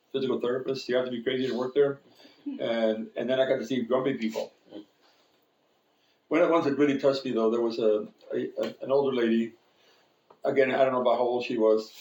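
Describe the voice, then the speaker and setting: A man's voice: mid-range voice, darkish tone, roomy sound, dull audio. A man preaching an informal sermon in a church, telling a personal story in a rambling, self-correcting way with frequent chuckles. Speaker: pastor. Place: church sanctuary.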